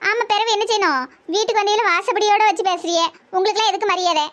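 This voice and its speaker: Cartoon: பெண் நடிக்கும் சண்டைக்கார அம்மா, நெல்லை வழக்கு, உரத்த குற்றச்சாட்டு, மிக உயர்ந்த கூர்மையான குரல். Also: female voice, very high-pitched, fairly even intonation, quick pace, a bit bright. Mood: angry. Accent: Tirunelveli Tamil. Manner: scolding, accusing. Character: angry village mother, sharp-tongued and loud. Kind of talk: cartoon voice acting.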